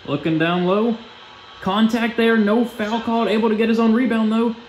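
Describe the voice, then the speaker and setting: A man's voice: sits high, fairly even intonation, normal speed, echoey room, poor audio. A young man giving casual play-by-play commentary over a basketball video game simulation in short clipped phrases.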